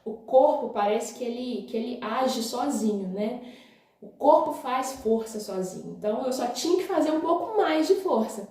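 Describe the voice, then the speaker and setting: A woman's voice: fairly high pitch, expressive, moderate pace, warm tone. A young woman with a Brazilian accent, telling her own story to viewers in a chatty, casual way. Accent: Brazilian Portuguese. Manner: chatty, often says "gente" and "né", laughs along. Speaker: vlogger. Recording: very echoey room.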